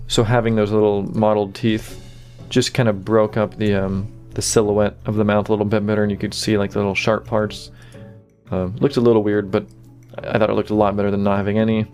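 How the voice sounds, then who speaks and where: A man giving casual behind-the-scenes commentary on his own animation, relaxed and full of fillers like "you know" and "kinda". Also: fairly low pitch, fairly quick, faint music behind.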